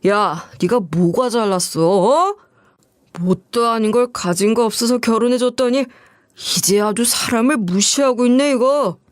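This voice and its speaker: A woman's voice: fairly high pitch, measured pace, no room sound, clean studio sound, natural voice. A woman voicing a greedy, scornful middle-aged ex-husband who wheedles and sneers in coarse speech. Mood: indignant.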